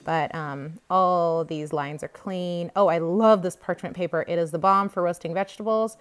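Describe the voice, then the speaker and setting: Here a vlogger tours her grocery haul inside the store, enthusiastically raving about products in a casual chat. She has a lowish, clear, resonant voice, speaking at normal speed in a steady tone. The handheld phone behind the camera picks up store ambience and faint music too.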